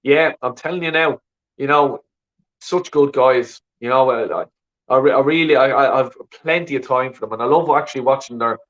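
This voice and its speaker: The Dublin call-in host chats loosely over viewer comments, rambling, cursing, and repeating "you know what I mean." His voice is mid-range at a normal speed, captured in dull, lo-fi sound.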